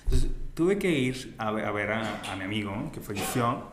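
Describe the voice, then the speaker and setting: A man's voice: on the low side, expressive, moderate pace, noisy background. Slangy Mexican man in an echoey room. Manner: slangy storyteller, peppers speech with güey. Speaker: guest. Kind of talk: casual chat. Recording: roomy echo, faint ambience.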